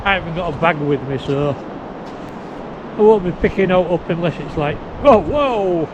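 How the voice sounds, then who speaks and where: On a windy beach, a video blogger talks casually to the camera in a slightly high voice at a moderate pace. His mouth is sore after a tooth extraction and he has new teeth, so his speech sounds impeded, as if he has toothache. The outdoor audio is windy, noisy and muffled.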